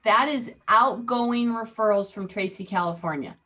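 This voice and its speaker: This medium-pitched, somewhat bright woman talks at normal speed while leading an online real estate training over a video call. Interactive, chatty, and teasing, she often asks the group questions.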